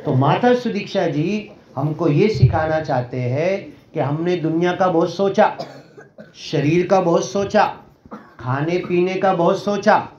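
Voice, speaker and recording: A man's voice: sits high, a little slow, darkish tone, a little hiss or hum. A man giving a devotional sermon, moving through rhythmic lists and repeated chant-like phrases. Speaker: spiritual speaker. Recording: echoey room, dull lo-fi sound.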